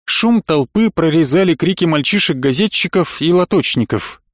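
A man reading a novel aloud as a narrator, in a steady storytelling manner. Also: on the high side, no echo, clean studio sound. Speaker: audiobook narrator. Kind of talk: scripted narration.

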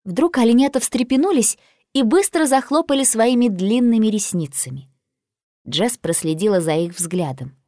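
A woman narrating a children's storybook in a lively, expressive reading. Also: on the high side, moderate pace, no echo, studio quality. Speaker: audiobook narrator.

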